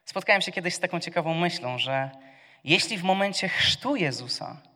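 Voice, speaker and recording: Bright-voiced preacher in an echoing church. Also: male voice, a little high, expressive, moderate pace. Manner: asks the congregation questions and answers them; swings from soft to loud, shouting the cries. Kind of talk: sermon. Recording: long reverb of a church hall.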